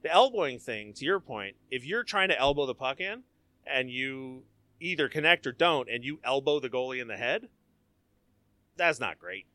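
Bright clear-voiced guy hosting a hockey chat, jokey, dry close sound. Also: mid-range voice, moderate pace, dry recording. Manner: storytelling, joking, animated. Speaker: host. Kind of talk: casual chat.

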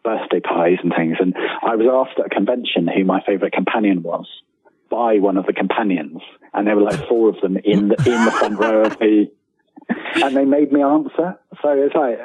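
With a voice on the low side, a bit mellow and slightly rough, this man speaks at normal speed. He's an interview guest who writes freelance, and he talks casually, rambles, jokes at his own expense, and restarts his sentences a lot. The line is tinny and phone-like, echoing off the room.

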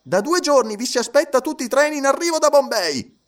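A man voicing a pompous, stern male magistrate in an audiobook, stretching out his questions slowly. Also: extremely high pitch, very animated, distant mic, voice pushed up. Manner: slow, drawn-out, pompous. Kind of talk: audiobook character voice.

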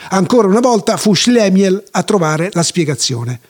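Man, high voice, husky, measured folk-tale narration. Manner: measured, even storytelling. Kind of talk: scripted storytelling narration.

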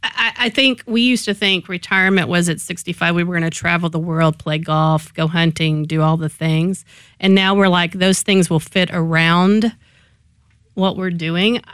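A middle-aged Texan woman with a slightly low voice answers interview questions as a business coach. She is folksy and encouraging in her conversational delivery. The sound is close and dry, with no room on it. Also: fairly even intonation, normal speed, a bit bright, clear, resonant tone, no echo. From Texas, United States.

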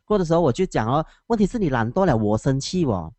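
Animated teacher telling stories. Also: male voice, fairly high pitch, fast talker, dry recording. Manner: animated, laughs often. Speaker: schoolteacher. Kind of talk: casual storytelling on a call.

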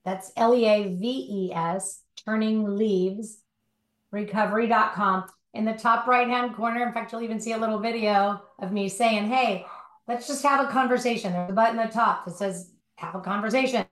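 A woman's voice: medium pitch, steady tone, normal speed, echoey room. A woman speaking as a guest in an interview, explaining her ideas in long run-on thoughts and often adding a "right?" to check in. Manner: talks in long run-on thoughts with many rhetorical "right?" tags. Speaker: guest, recovery life coach. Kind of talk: conversational interview. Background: dog barking at times.

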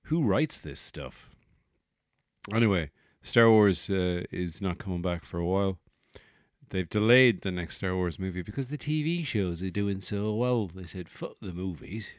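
A man's voice: sits low, no room sound, clean studio sound. A man hosting a solo comedy podcast, rambling through jokey, profane tangents. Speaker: podcast host.

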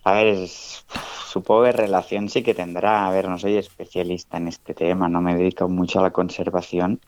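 The guest is a man in his thirties, a researcher on a casual podcast, whose low, darkish voice moves little in pitch and runs a little fast. He reflects thoughtfully, dropping frequent "¿no?" tags, and the recording is dry, dull and lo-fi.

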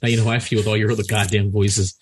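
A man's voice: on the low side, level tone, rapid-fire, a little hiss or hum. A man co-hosting a podcast in casual banter, joking and rambling with frequent restarts. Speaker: podcast co-host.

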